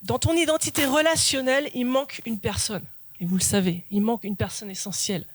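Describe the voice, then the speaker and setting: A woman's voice: on the high side, fairly even intonation, fairly quick. A woman pastor preaching a sermon in an earnest, emphatic way, repeating her key phrases. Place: church.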